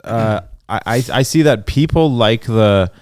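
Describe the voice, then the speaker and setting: A man with a fairly low voice talks in a measured, thoughtful way during a casual podcast chat. His sound is dry and close-miked. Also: expressive, a little mellow, clean tone, dry recording. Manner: measured, thoughtful, chiming in with short agreement. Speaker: podcast co-host.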